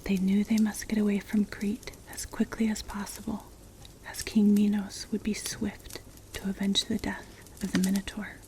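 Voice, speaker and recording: A woman narrating a story for ASMR in a breathy, unvoiced whisper, gentle and measured, close to the mic. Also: mid-range voice, flat delivery. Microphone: close mic, ear-to-ear ASMR. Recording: clear background noise, clicks. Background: crackling fire.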